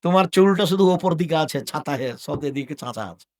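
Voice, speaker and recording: A man's voice: a little high, expressive, normal speed, darkish tone. An older man from Bangladesh preaching a sermon, scolding his listeners with rhetorical questions that rise suddenly in force. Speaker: Islamic preacher.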